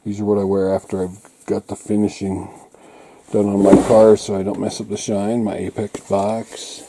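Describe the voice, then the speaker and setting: A man giving a casual walk-through of his hobby workshop, pointing things out item by item in short, unhurried phrases. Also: on the low side, flat delivery, warm tone. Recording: clearly noisy amateur room recording with clicks.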